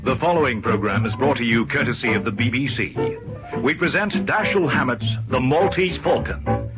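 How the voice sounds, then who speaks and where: A man announcing an old radio drama in a measured, formal way, heard as an old radio broadcast. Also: medium pitch. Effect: old radio broadcast sound. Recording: dull lo-fi old radio broadcast with loud music.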